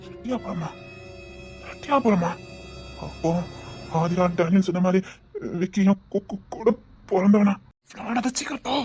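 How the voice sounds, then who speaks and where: A woman with a Tirunelveli Tamil accent playing a hesitant, stammering character in a web drama, pleading gently. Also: medium pitch, normal speed, long pauses, music in the background, close to an everyday voice.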